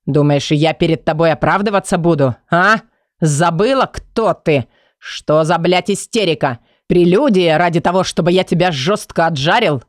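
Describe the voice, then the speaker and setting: Female reader voicing a vicious, commanding young man, low growl, close dry mic. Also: normal speed, no room sound, natural voice. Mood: sneering. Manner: snarling, threatening, low menacing whisper. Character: cruel menacing young man, domineering and vulgar.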